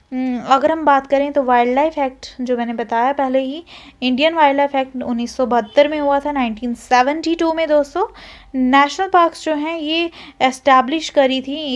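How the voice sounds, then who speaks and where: A woman giving an exam-prep biology lecture, mixing Hindi and English, pausing with fillers and repeating key terms as she explains. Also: high-pitched. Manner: mixes Hindi and English, fillers and self-corrections. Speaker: teacher.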